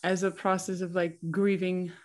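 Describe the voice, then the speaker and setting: A woman's voice: lowish voice, flat delivery, moderate pace, darkish tone. A woman hosting a podcast interview, reflective and empathetic as she sums up her guest's feelings. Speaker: podcast host.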